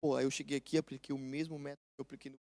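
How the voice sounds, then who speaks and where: A man's voice: medium pitch, very fast, gravelly, dry recording. A man with a Brazilian Portuguese accent, a chef guest chatting and telling stories with lots of slang. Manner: lively storyteller, fills his talk with "cara" and "brother". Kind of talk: casual conversation.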